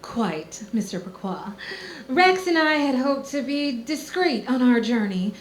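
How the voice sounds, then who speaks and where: A woman's voice: fairly high pitch, expressive, unhurried. An actress playing a young woman eloping with her sweetheart in an old-time radio comedy stage show, light and teasing. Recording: roomy stage recording with light noise.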